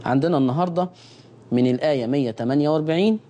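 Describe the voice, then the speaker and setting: Recorded with lo-fi sound, a middle-aged man with an Egyptian Arabic accent gives a TV lesson in Quran recitation, repeating important phrases and slowly articulating letters for viewers to copy. His voice is fairly high in pitch and mellow.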